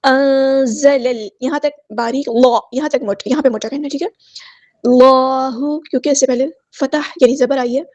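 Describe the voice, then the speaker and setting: High-voiced woman teaching Quran recitation. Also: steady tone, a little mellow, no echo, dull audio. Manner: slow, deliberate chanting of verses, then patient step-by-step explanation. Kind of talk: tajweed lesson with slow recitation.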